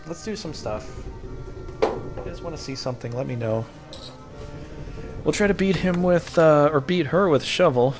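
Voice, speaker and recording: Late at night, a young gaming streamer rambles casually into his desk mic about the game and his channel, sounding gravelly and self-deprecating. His voice is fairly high with lively intonation at normal speed, broken by long pauses, with soft music in the background.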